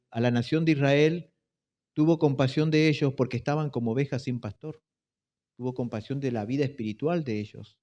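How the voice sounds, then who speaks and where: A pastor with an Argentine Spanish accent preaching a sermon slowly and emphatically, repeating key phrases. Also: male voice, mid-range voice, a little mellow. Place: church. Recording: echoey church hall, mic from a distance.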